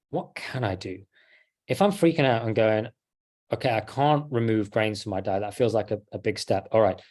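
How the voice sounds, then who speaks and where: A man's voice: medium pitch, darkish tone. A man in casual conversation, explaining health advice in a chatty way with fillers. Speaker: health coach.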